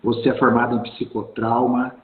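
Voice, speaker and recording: A man hosting a live interview, talking warmly and effusively with lots of halting restarts. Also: medium pitch, flat delivery, phone-quality sound. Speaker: host. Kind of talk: live video-call interview. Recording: roomy, echoey sound.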